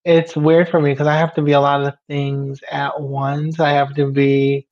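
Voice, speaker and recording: Fairly high-pitched and moderately paced, a young Guyanese man talks through a laid-back interview as a podcast guest. He laughs readily and strings loose phrases together, with audio that comes across muffled and somewhat dull.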